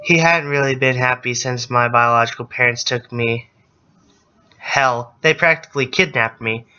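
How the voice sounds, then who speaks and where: A man's voice: mid-range voice, moderate pace, sharp tone, clear, resonant tone. Man hamming up a theatrical teenage goth girl. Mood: earnest, wistful. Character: sentimental teenage goth girl from fan fiction. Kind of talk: mocking dramatic reading. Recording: dull lo-fi recording.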